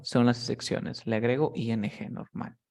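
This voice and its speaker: A man's voice: medium pitch, fairly even intonation, normal speed, vocal fry, a little mellow. Patient man teaching grammar step by step. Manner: patient, explains step by step, often checks understanding. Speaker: English teacher. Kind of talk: one-on-one grammar lesson.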